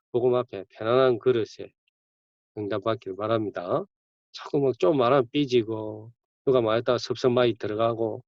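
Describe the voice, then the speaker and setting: Man, campus pastor, conversational sermon, emphatic bursts, mid pitch, dull dry recording. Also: dry recording.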